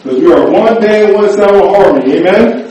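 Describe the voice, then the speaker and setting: A man with a high-pitched, warm voice preaches at normal speed in an animated way, joking with the congregation and calling for "amen" and "right." Slight background noise accompanies the echoey church-hall sound, picked up by a distant mic.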